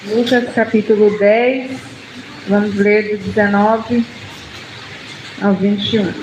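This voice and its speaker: A woman's voice: mid-range voice, steady tone, slow, background noise. Woman preacher in an echoey church. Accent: Brazilian Portuguese. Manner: earnest, addresses the congregation directly. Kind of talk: sermon and prayer. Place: church hall. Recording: echoey, dull church PA recording.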